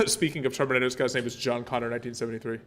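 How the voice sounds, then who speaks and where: A man's voice: mid-range voice, fairly even intonation, racing, a bit bright, a little hiss or hum. Chatty male game streamer, rambling. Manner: rambling, chatty, many fillers and restarts. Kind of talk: casual gameplay commentary.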